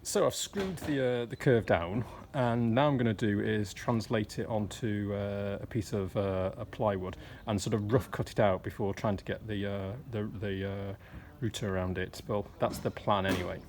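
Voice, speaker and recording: A man's voice: lowish voice, steady tone, moderate pace, a little mellow, a little hiss or hum. A middle-aged man casually talking through his boat fit-out on camera, rambling with fillers and restarts and poking fun at himself. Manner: rambling, many fillers and restarts, self-deprecating. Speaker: vlogger fitting out a narrowboat. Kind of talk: casual self-filmed build vlog. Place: outdoors on a boat roof and inside a boat workshop.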